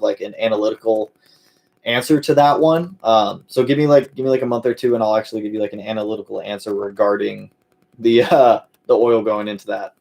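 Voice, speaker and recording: With a lowish, somewhat dark voice, a man answers viewers on a casual live-stream Q&A for his car channel. He stays laid-back throughout, with plenty of fillers and friendly call-outs.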